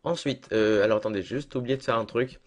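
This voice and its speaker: A young man talking through a casual screen-recorded software tutorial at his computer, chatty and self-deprecating, with lots of fillers. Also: mid-range voice, quick pace. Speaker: tutorial maker.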